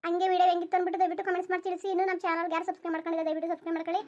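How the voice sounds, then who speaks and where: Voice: very high voice, monotone, very fast, a little mellow. A channel host signing off, politely asking viewers to comment and subscribe. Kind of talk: channel outro.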